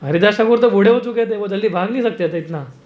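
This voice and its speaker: A man's voice: high-pitched, fast talker, lo-fi sound. A man preaching a devotional storytelling sermon, chanting verses, laughing often and adding rhetorical asides.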